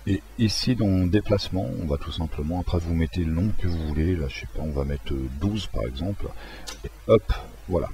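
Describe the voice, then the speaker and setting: A man walking through a software tutorial in a casual, hesitant way, with many fillers and restarts. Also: deep voice, brisk. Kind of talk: casual screen-recorded tutorial.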